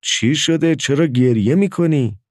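A man's voice: a little high, a little mellow, no room sound, studio quality, pitched above the performer's own voice, natural voice. A man reading a story aloud and voicing an anxious village mother, with an urgent, exclaiming manner. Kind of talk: audiobook character voice.

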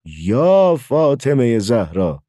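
A man's voice: medium pitch, dark tone, dry recording, studio quality, voice pushed up, close to an everyday voice. A man reading a story aloud and voicing an anxious village mother, with an urgent, exclaiming manner. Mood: alarmed. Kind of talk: audiobook character voice.

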